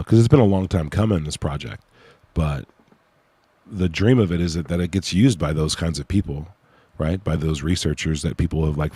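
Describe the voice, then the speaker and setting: A man's voice: extremely low pitch, a little mellow, husky, dry recording. A man hosting a casual livestream in an informal, slangy, hesitant way, with a slight whistle on his s sounds. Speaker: livestream host presenting own research project. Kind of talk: casual livestream chat with read-aloud case notes.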